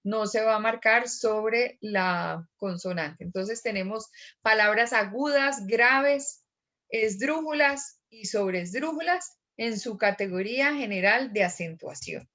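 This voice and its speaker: A woman, a teacher giving an online class lecture, explaining step by step and repeating examples slowly. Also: on the high side, pushed and bright.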